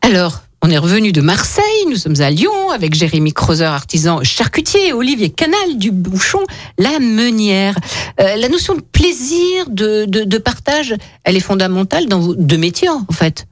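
A woman's voice: medium pitch, very animated, normal speed, no room sound. Female radio host, mid-range voice, very dry studio sound, informal interviewing.

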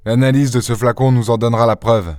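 A man's voice: medium pitch, fairly even intonation, quick pace, darkish tone, no echo, clean studio sound, natural voice. A man reading aloud and voicing an anxious, earnest country doctor in a slightly raised, fretful voice.

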